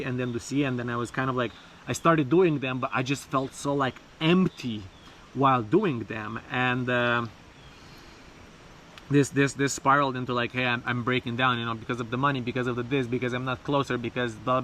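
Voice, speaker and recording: A man talking casually and haltingly in an unscripted personal vlog, repeating words and speaking informally, outdoors. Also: medium pitch, pushed and bright, a little hiss or hum. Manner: informal, sprinkled with swearing and bro. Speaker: vlogger. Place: outdoors, bathing in a river.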